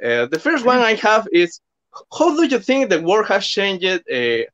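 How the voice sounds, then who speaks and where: Lively man on slightly dull audio. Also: high-pitched, slow pace. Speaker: co-host. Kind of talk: casual live-stream hosting.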